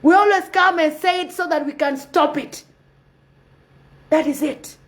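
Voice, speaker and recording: A woman from South Sudan delivers passionate, preachy commentary on a live phone video, repeating her points again and again. Her voice sits high and she speaks unhurriedly.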